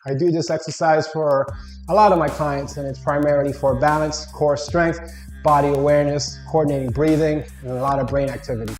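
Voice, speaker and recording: A man's voice: fairly high pitch, fairly even intonation, a little fast, a little mellow, soft background music. A man coaching an exercise, giving plain-spoken step-by-step instructional cues. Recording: echoey room.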